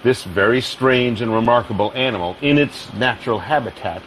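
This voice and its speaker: A man's voice: medium pitch, moderate pace, fairly bright tone. A man speaking unscripted as a research scientist interviewed for a nature documentary. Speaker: deep-sea research scientist. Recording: clearly noisy location sound.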